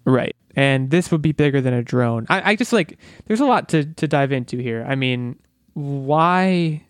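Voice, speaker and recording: A man talking casually as a podcast co-host, animated and musing aloud with rhetorical questions. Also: mid-range voice, moderate pace, no room sound, studio quality. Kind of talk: casual chat.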